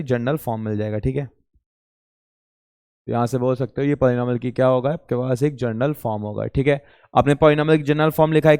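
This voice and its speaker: A mid-range, slightly mellow and smooth male voice leads an entrance-exam maths session in a coaching classroom. He speaks casually to the students, answering his own spoken questions, and the room is reverberant.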